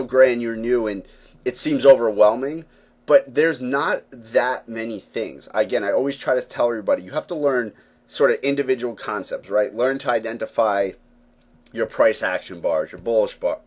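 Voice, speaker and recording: A forex trading webinar host teaches live and casually, explaining charts conversationally with lots of fillers and check-ins like "right, guys?" His voice is on the low side, a little mellow and fairly quick.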